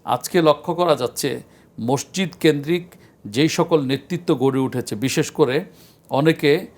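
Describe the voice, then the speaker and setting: A man, a scholar guest on a religious talk show, speaking in an earnest, measured lecturing way with frequent pauses. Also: fairly high pitch. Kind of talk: studio discussion on a religious show.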